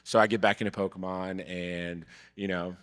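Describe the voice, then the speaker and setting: A man in his thirties from Brazil, telling his story as a podcast guest in relaxed, casual talk that trails off quietly. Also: low-pitched, normal speed. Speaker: podcast guest, card vendor. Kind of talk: casual chat. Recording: live event hall with long reverb.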